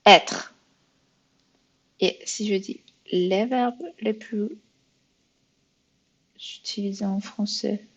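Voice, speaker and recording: A woman's voice: mid-range voice, steady tone, extremely slow, long pauses, slightly rough. A woman teaching a beginner language lesson, patient and thinking aloud as she explains, sometimes correcting herself. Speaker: French teacher.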